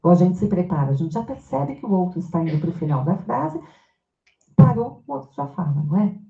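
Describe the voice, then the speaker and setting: A woman's voice: on the low side, very animated, fairly quick, faint music behind. A woman giving an academic lecture in a university amphitheater, engaging the audience with questions. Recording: echoey hall, tinny phone-like sound.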